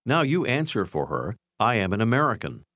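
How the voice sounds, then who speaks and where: A man narrating a language course, giving clear scripted prompts to listen and repeat. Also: lowish voice, sing-song, moderate pace, fairly bright tone, no echo, studio quality. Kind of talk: scripted instruction.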